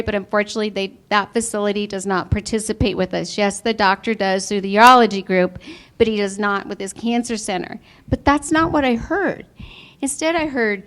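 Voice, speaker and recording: An insurance member shares her testimonial in front of a live audience, earnest and sometimes close to tears. Her voice is a little high with a bit of brightness.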